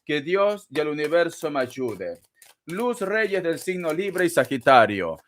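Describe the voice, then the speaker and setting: A man with a notably high-pitched voice hosts a tarot live stream, chatting with viewers as he reads their donations. He is playful, gossipy and campy, teasing people and calling them darling. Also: sing-song, unhurried. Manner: gossipy and teasing, laughs often. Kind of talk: casual live-stream chat reading donations.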